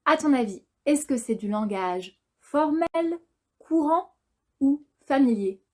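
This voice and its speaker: A young woman teaches French in a slow, deliberate way. She repeats each example phrase so learners can copy it. Her voice sits a little high for a woman. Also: expressive, darkish tone. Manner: speaks slowly and carefully, repeats model phrases for learners. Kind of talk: slow, clear language lesson.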